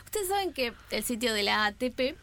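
A woman's voice: on the high side, big pitch swings, brisk, bright, forceful tone. A woman with a Rioplatense Spanish accent, hosting a playful radio segment that teaches how to say sports names, spelling out sounds and quizzing her co-hosts. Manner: teacherly, spells out sounds and asks quiz questions. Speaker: sports pronunciation columnist. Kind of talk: playful didactic radio chat. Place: radio studio.

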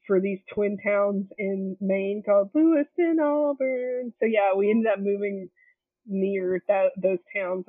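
A woman's voice: medium pitch, dry recording. A woman co-hosting a podcast in casual, rambling chat, laughing often, her voice tinny over a poor internet connection. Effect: tinny sound over a poor internet connection. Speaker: podcast co-host. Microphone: remote call over home internet. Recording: tinny, dry remote internet call.

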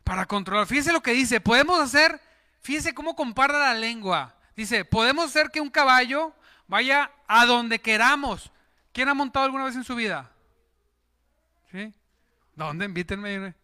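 A man preaches to his congregation, throwing out questions and jokes as he goes. His voice is high and very bright, with a smooth, clear tone. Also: lively intonation, moderate pace. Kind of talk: sermon.

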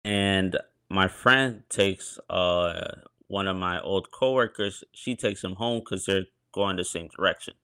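A man's voice: low voice, slow, hardly any pauses, bright, forceful tone, clean tone, no room sound. A young man telling a story in a laid-back, colloquial way on a podcast. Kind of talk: casual storytelling.

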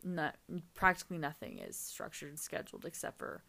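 Teen girl, solo podcast host, low-ish voice, loose rambling delivery full of ums and restarts, slightly tired. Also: huge pitch swings, fairly quick, vocal fry, bright, forceful tone. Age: teens. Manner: rambling with many fillers and restarts. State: tired, yawning. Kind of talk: casual solo podcast chat.

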